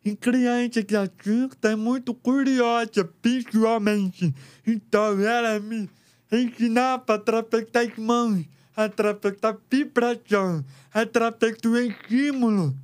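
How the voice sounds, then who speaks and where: A Brazilian man with an unusually high, smooth voice tells his story in an interview. He shapes each word slowly and deliberately. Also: fairly even intonation. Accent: Brazilian Portuguese. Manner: slow, careful, deliberate articulation. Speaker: interview guest. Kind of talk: personal story in conversation.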